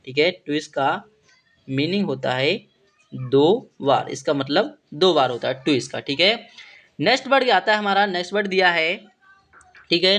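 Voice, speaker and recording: A man giving a spoken vocabulary lesson, spelling each English word letter by letter and repeating its meaning in Hindi with a steady "okay". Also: fairly high pitch. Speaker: English teacher.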